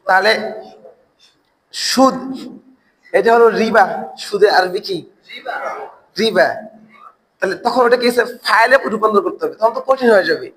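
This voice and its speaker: A man's voice: sits high, moderate pace, pauses often, a bit bright, slight background noise, rough recording. A man teaching an online Quran recitation class. He asks the learners questions, answers them himself and repeats words over and over to drill the pronunciation.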